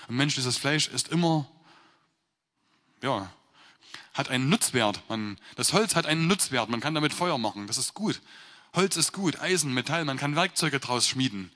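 A man's voice: fairly high pitch, pushed and bright, big-room sound. A man reading scripture aloud and then explaining it in a sermon, with firm emphatic stresses. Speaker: preacher.

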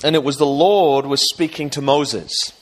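A guest preacher from England, whose voice is a little high and a little slow with fairly even intonation, addresses a church service. He speaks German hesitantly, full of fillers, then switches to English for a live interpreter. In English his sermon rises into an emphatic, raised preaching voice.

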